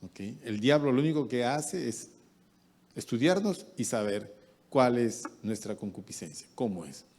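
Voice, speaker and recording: A middle-aged man, a pastor delivering a sermon who acts out the voices he quotes. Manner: lively, acts out quoted voices with big pitch jumps.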